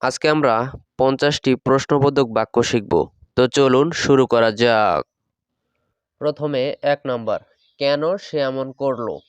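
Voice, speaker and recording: A man teaching a spoken English lesson, saying each English sentence slowly and clearly after its translation. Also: medium pitch, no echo, low-quality recording.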